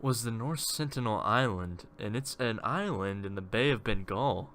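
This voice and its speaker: A young man hosts a loose, joking podcast chat. His voice is low-pitched but bright and forceful. A faint hiss of noise sits behind him. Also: lively intonation, moderate pace. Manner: jokey, leads the talk. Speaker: podcast host.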